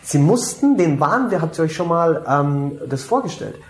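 A man's voice: a little high, lively intonation, normal speed, roomy sound. A man preaching a sermon, talking to the congregation casually, asking them questions and dropping in English phrases.

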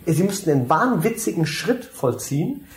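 Conversational preacher in an echoey hall. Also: male voice, on the high side, sing-song, normal speed. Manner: conversational, asks the congregation questions, mixes in English phrases. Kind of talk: sermon.

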